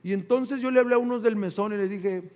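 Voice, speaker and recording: A man with a Mexican accent preaching a sermon as pastor, animated, with call-and-response to the congregation and acted-out quotes. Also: sits high, quick pace, in a large hall.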